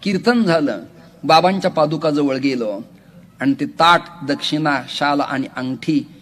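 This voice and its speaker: A man preaching a humorous devotional kirtan sermon to a large gathering, animated and joking with the crowd, often raising his voice. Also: a little high, measured pace. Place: large outdoor religious gathering.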